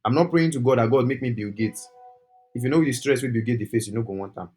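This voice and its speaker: A young Nigerian man with a Nigerian accent, giving an animated, persuasive talk on a group call and slipping into pidgin. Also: mid-range voice, fast talker. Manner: animated, switching into pidgin, preachy. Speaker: study-abroad agent.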